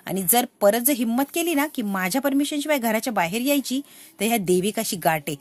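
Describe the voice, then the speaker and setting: Woman doing a snooty mean rich lady, taunting, highish voice. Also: expressive, a little fast, dry recording, lightly acted. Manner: mocking, taunting. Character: haughty, spiteful rich woman.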